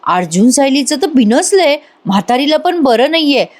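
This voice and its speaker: A woman reading out the lines of a scheming, sharp-tongued young woman in a TV serial recap, lifting her voice higher for the part. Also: sing-song, moderate pace.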